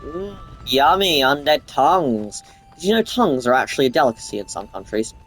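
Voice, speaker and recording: A man casually commenting on the game he is playing. He rambles, swears freely and restarts his sentences, his pitch swinging lively up and down. Faint music plays behind him. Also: brisk. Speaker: gamer playing on camera.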